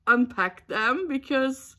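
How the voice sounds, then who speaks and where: Young woman from the netherlands chatting storytime, slow and unhurried, bright voice, giggles a lot. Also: high-pitched. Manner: giggly, excitable, many ums. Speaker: booktube vlogger. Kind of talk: casual storytime chat.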